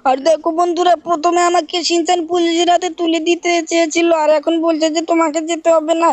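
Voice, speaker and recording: A woman giving voice to a clumsy cartoon robot cat who keeps pleading and apologizing. The voice is very high and quick, with little rise and fall, and sounds close and dry. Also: little pitch movement, a little mellow, no echo. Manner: pleading and chatty, addresses viewers. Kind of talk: game voice role-play.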